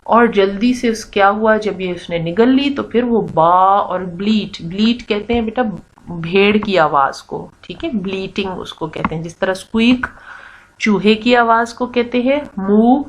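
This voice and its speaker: Woman teacher explaining a story slowly. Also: medium pitch, slight background noise, low-quality recording. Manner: reads English lines slowly, then explains them in Urdu. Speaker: English teacher. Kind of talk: reading a story aloud and explaining it to pupils.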